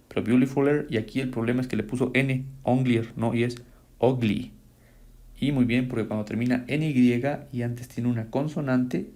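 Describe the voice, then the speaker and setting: A man walks through homework corrections in an even, mid-range voice. He explains grammar rules patiently and step by step, often checking in with his students. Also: medium pitch. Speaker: English teacher. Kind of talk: reviewing homework in a recorded lesson.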